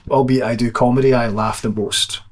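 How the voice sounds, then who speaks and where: A man's voice: medium pitch, fairly even intonation, normal speed. A man who runs a live tabletop game, talking casually and often restarting his sentences. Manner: hesitant, repeats words at starts. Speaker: dungeon master of a live show. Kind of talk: casual interview chat.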